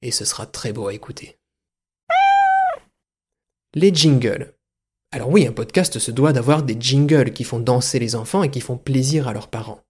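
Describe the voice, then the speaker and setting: Male solo comedy host: deadpan, mock-grandiose, medium pitch. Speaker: podcast host. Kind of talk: deadpan absurdist monologue.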